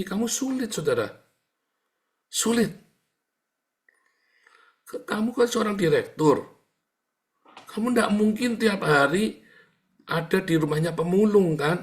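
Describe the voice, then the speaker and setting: A man preaching a sermon. He talks to his listeners like a chatty teaser, breaks into sound-effect words, and swings between booming outbursts and soft asides. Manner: addresses listeners as "saudara", chatty and teasing. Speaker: pastor.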